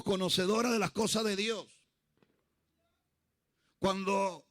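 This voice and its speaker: A man's voice: sits high, fairly bright tone. A male pastor preaching a sermon, telling stories with emphasis and acting out the people in them. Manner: storytelling, emphatic, acts out quotes.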